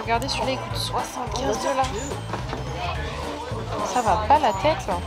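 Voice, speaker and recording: A young woman from France talks to her viewers as she walks busy city streets, chatty and excitable with lots of slang. Her voice sits high, and a lapel mic keeps her close. Loud music plays under her voice. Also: normal speed, a loud crowd. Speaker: vlogger. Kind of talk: casual travel vlog. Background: loud background music.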